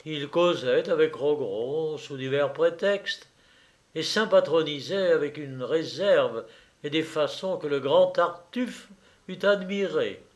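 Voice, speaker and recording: A man narrating a classic novel as an audiobook, slow and measured. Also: a little high.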